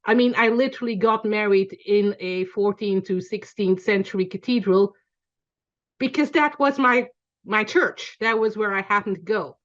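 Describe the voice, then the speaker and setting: Speaking at a moderate pace in a medium pitch, this Belgian-accented woman in her forties runs an online lesson on a video call. The sound is lo-fi, and her talk is chatty, full of ums and self-corrections.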